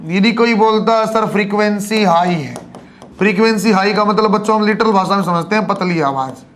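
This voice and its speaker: High-voiced male physics teacher lecturing. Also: brisk, a little hiss or hum. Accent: Haryanvi Hindi. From Haryana, India. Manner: addresses students as kids, frequent check-ins. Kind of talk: classroom lecture.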